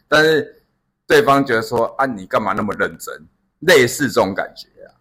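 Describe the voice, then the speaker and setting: A man tells family stories in a casual chat. His voice is bright and slightly breathy. He rambles through fillers and restarts. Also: medium pitch. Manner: storytelling, many fillers and restarts. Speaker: podcast co-host.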